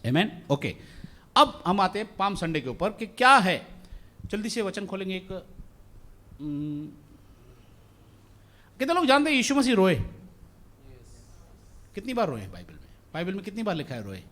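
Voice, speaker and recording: A man's voice: high-pitched, moderate pace, long pauses. A male pastor from India preaching a sermon in a church, mixing in English phrases and asking the congregation questions. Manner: animated, asks the congregation questions.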